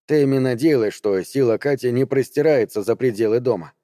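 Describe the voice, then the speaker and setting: A male narrator with a dark, mellow voice reads a novel in a measured, even way. The sound is dry and close, with no room around it, and the pitch sits in a middle range. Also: no echo. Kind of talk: scripted audiobook narration.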